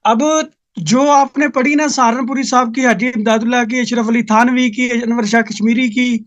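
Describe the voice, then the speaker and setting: A man's voice: very high-pitched, fairly even intonation, dull audio. A man in a heated religious debate who talks dismissively and lectures, often cutting in over the other speaker. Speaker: debate opponent.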